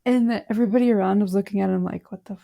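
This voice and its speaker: A woman's voice: medium pitch, fairly even intonation, very fast, creaky, warm tone. Rambling, chatty woman podcaster. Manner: rambling, chatty, acts out reactions, swears. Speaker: podcast co-host. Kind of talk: casual film discussion.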